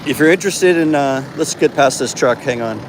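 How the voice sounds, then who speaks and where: A man's voice: on the high side, brisk. Rambling man on a street walk. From Canada. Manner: rambling, loose, full of fillers and restarts. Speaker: vlogger and host. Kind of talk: casual walking livestream chat. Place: outdoors on a busy roadside. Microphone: phone held while walking. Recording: phone audio with loud traffic. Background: passing vehicles and street noise.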